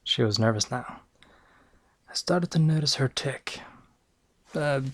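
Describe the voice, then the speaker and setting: There's no room sound as a Northern English man slowly narrates in a mid-range voice, cast as a boastful, bumbling noir private eye for ASMR. His tone stays deadpan and rambling, with hesitant asides along the way.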